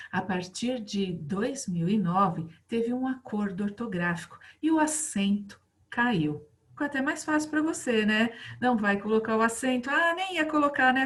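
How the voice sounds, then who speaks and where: A Brazilian woman teaching a recorded online class to children, with an affectionate, lively manner and lots of rhetorical questions. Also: on the high side. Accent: Brazilian Portuguese. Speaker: school teacher.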